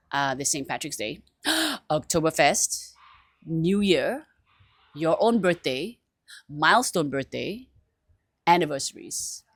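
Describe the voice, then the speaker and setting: A low-pitched woman chats to camera in a lively, self-mocking way, breaking into laughter often. Her voice sounds dry and close, with no room echo. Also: breathy edge. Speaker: vlogger. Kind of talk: casual chat to camera.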